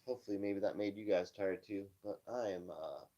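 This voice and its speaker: A low-pitched man reading headlines aloud on a late-night live stream, audibly tired and yawning. He stumbles over words and breaks off with flippant, dismissive asides. The audio is dull and lo-fi. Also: fairly quick, warm tone. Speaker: livestream host.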